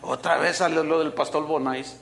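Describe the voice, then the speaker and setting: A man's voice: on the high side, moderate pace, gravelly, noisy background. A man with a Mexican accent preaching a sermon as a pastor, telling stories and acting out the voices of the people he quotes. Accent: Mexican Spanish. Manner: animated storytelling, acting out quoted voices, chuckling.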